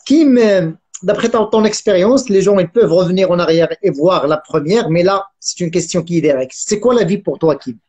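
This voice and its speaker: Effusive male host, husky voice. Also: high-pitched, normal speed, few pauses. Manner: warm, effusive, full of compliments. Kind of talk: live online interview.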